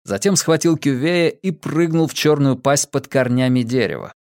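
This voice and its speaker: Guy reading an audiobook, steady dramatic tone, dry close recording. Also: medium pitch, moderate pace, no room sound. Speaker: audiobook narrator. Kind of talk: scripted narration.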